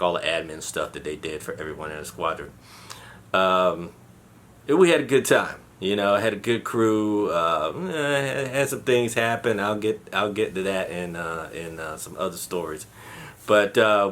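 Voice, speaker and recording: A low-pitched man tells his own service stories in a loose, conversational monologue. He swears freely and trips over repeated words as he goes. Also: a bit bright. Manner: profane, restarts and repeats words. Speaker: podcast host, Air Force veteran. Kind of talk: casual storytelling monologue.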